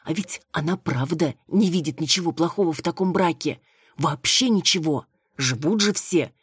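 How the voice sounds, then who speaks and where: A woman's voice: low-pitched, normal speed, breathy edge, no echo, clean studio sound. A woman reading a novel aloud as an audiobook, narrating and acting out characters' lines in a raised, indignant voice. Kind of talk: audiobook narration with acted dialogue.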